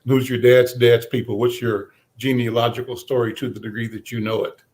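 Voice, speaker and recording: A man's voice: medium pitch, flat delivery, fairly quick, a little mellow. A man hosting a talk show, asking probing questions and repeating words as he goes. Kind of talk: interview questions.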